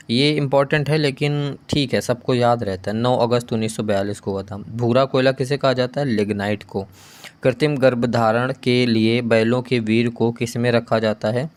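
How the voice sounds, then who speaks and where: A man, teaching as an exam coaching teacher. He reads out each question, answers it, and adds quick asides to his students. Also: medium pitch, steady tone, clean tone. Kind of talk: quiz-style GK lesson.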